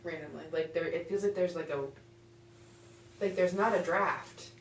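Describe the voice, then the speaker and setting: A woman's voice: fairly low pitch, steady tone, normal speed. A woman chatting casually as a participant in a ghost hunt. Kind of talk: casual chat. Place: echoey indoor room. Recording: echoey room, distant mic.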